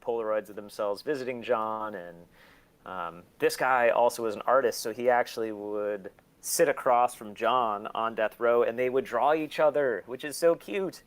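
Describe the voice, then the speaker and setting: This interview guest, a collector, talks at a normal speed in a medium-pitched voice. Chatting casually, he tells rambling stories, acts out quotes, and comes across as candid, profane, and self-deprecating.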